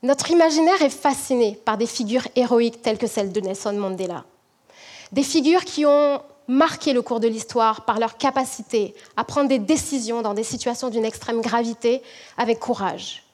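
A high-pitched woman from French Guiana delivers a prepared talk as a management professor. She speaks in a measured, reflective way and slows down to stress key points. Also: a little mellow.

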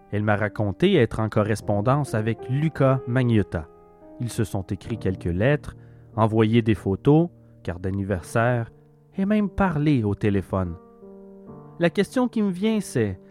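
A Québécois man delivers scripted documentary narration. His mid-pitched voice moves animatedly up and down while he tells things reflectively. Faint guitar music sits underneath. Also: darkish tone. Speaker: host narrator.

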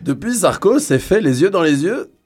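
A man's voice: fairly high pitch, very animated, normal speed, darkish tone, husky, soft background music. A man hosting a comedic radio talk show, joking around and reading the news aloud with wry asides.

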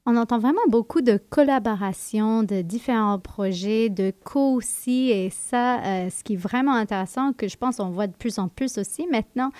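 A woman's voice: medium pitch, a little mellow, dry recording. A woman interviewer, asking questions in a conversational way.

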